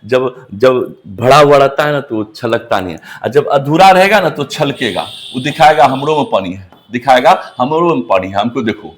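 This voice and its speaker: In an expressive, medium-pitched voice, this middle-aged Bihari man teaches English at a moderate pace with few pauses. He speaks with a Bihari Hindi accent, repeating his students' questions aloud before answering them himself in this classroom lecture.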